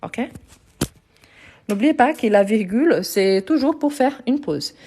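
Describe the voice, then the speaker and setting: Woman, French teacher, live online lesson, warm mellow tone, patient step-by-step explaining. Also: a little high, lively intonation, measured pace, a little hiss or hum.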